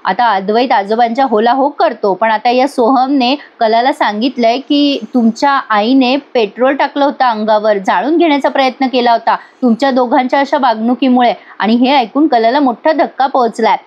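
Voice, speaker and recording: A woman's voice: a little high, moderate pace, few pauses. A woman giving a voice-over recap of a TV serial episode, telling the story and addressing her viewers directly. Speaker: TV serial reviewer. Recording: dull lo-fi recording.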